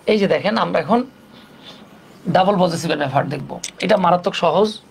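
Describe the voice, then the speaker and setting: High-voiced teacher, chatty. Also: male voice, normal speed, vocal fry, slight background noise. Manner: explains step by step, with colloquial banter and rhetorical questions. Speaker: English teacher. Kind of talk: casual classroom lesson.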